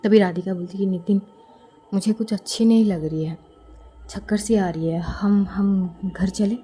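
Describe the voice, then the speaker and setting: A woman voicing a troubled young bride-to-be who speaks softly and pleadingly. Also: mid-range voice, steady tone, measured pace, breathy edge, faint music behind. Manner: soft, pleading, faint.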